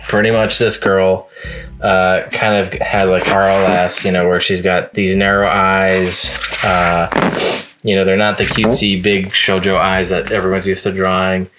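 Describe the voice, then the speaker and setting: A man's voice: low-pitched, flat delivery, moderate pace, a bit bright, slight background noise. Casual man rambling through manga reviews. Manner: rambling, with many fillers and restarts. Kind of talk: casual reading-log review.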